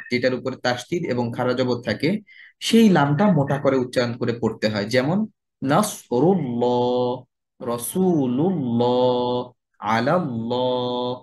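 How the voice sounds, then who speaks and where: A man teaching a religious recitation lesson, explaining step by step and slowly drawing out each example word. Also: fairly high pitch. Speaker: tajweed teacher.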